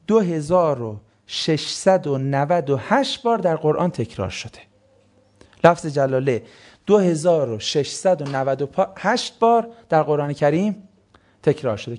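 A religious studies teacher with a fairly high, darkish-toned voice gives a classroom lecture on the meaning of Quranic words. He keeps asking his students questions and then answering them himself.

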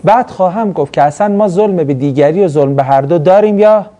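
A middle-aged man teaching a class, telling a story with lively delivery and acting out the voices of the people in it. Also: sits high. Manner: animated storytelling, acts out quoted voices, laughs. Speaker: teacher of Islamic studies class. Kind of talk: classroom lecture with anecdotes.

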